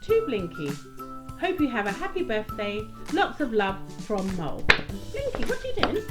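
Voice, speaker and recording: A woman presents a children's puppet show in a sing-song voice on the high side at a moderate pace, coaxing the puppet and young audience with simple phrases and questions. Loud music plays behind her voice.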